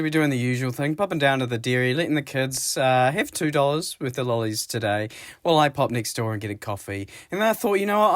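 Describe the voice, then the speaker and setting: A single dad in his thirties with a New Zealand accent narrates a casual daily vlog, his voice low and rough from a cold. He's laid-back and self-mocking, chuckling often. The audio is studio quality with no echo.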